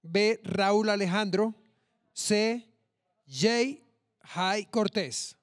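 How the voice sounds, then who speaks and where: High-voiced Colombian game show host. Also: male voice, drawn-out words. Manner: lively, teasing the contestants. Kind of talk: quiz questions on a TV game show.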